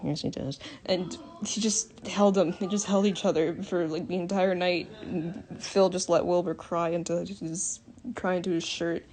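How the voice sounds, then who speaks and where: A woman's voice: on the low side, steady tone, moderate pace, a little mellow. A young woman casually retelling the lore of a game roleplay, rambling with lots of fillers and the odd swear word. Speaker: storyteller.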